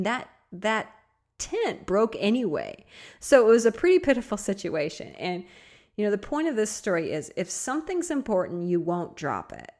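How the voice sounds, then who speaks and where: A woman hosting her own podcast, telling a story in a chatty way that keeps breaking into giggles, then coaching her listeners. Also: lowish voice. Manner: encouraging, coaching tone toward listeners. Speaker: podcast host. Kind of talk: casual solo podcast monologue.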